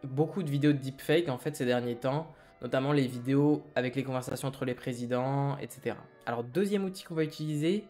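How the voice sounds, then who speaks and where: A man walking viewers through a software tutorial, step by step, with a reassuring, friendly manner. His pitch sits in the middle range, and faint music plays underneath. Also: fast talker, few pauses. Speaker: tech tutorial host. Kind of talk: screen-recorded tutorial.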